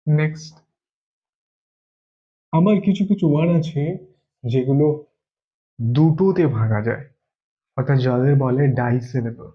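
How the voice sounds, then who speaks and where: A man's voice: medium pitch, lively intonation, measured pace, long pauses, dull audio. A man from Bengal teaching an English grammar lesson, explaining step by step and repeating key words as he goes.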